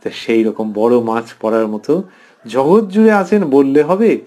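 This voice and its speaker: A middle-aged man giving a spiritual lecture in an earnest, unhurried way. He reads quoted lines from scripture and then explains each one. His voice sits at an ordinary middle pitch. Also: dark tone. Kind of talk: devotional scripture commentary.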